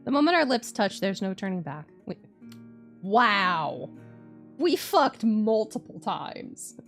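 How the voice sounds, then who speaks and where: A woman streamer reading a visual novel aloud with wry asides, expressive and candid. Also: mid-range voice, slow pace, creaky, faint music behind.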